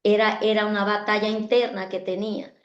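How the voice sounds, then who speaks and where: A woman's voice: mid-range voice, level tone, a little fast. A woman giving an earnest personal testimony in an interview, often repeating her phrases for emphasis. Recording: echoey, dull-sounding room.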